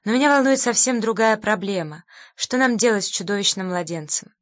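A woman's voice: medium pitch, lively intonation, a little fast, no room sound, clean studio sound, close to an everyday voice. A woman voicing a stern, ruthless male cardinal in an audiobook, giving cold commands. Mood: uneasy.

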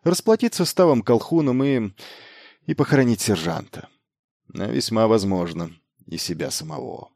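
A man reading an audiobook voices a young male mercenary lord who talks briskly, commanding and ironic. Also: medium pitch, lively intonation, vocal fry, a little mellow, dry recording, studio quality. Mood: light, then grim. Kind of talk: audiobook character voice.

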